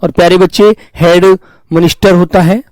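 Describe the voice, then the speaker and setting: A man with a high voice teaches grammar to an online class, repeating each term slowly and calling his students dear children. He stops to answer viewers' comments. The sound is dry and close. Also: steady tone, darkish tone, no echo, poor audio. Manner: addresses students fondly as children, repeats terms.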